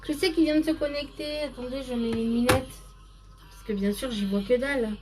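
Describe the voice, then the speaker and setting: A woman's voice: high voice, fairly even intonation, normal speed, loud music behind the voice. A woman hosting a casual live makeup stream, chatting to viewers by name and explaining each step as she goes.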